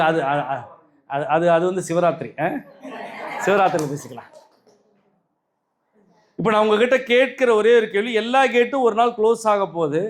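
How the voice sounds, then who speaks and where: High-voiced emphatic Tamil man preaching. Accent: Tamil Nadu. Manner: emphatic, repetitive, addresses listeners directly with rhetorical questions. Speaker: spiritual speaker. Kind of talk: spiritual talk to followers.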